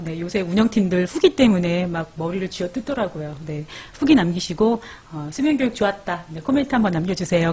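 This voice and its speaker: A woman's voice: fairly low pitch, slightly rough. A woman hosting a live parenting stream, chatting casually as she reads viewer comments, calls out their names and gives baby sleep tips.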